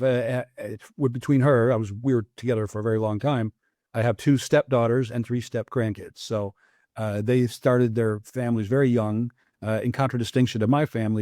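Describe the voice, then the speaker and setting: An older American man, a guest author, answering interview questions in an earnest, reflective and halting way. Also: medium pitch, darkish tone, no echo, studio quality. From United States.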